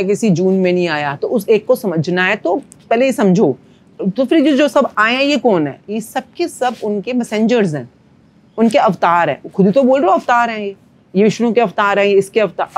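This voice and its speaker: A woman's voice: medium pitch, expressive, moderate pace. Earnest woman coach explaining spirituality. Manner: earnest, teacherly explaining with everyday analogies. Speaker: manifestation coach, podcast guest. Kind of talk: spiritual podcast conversation.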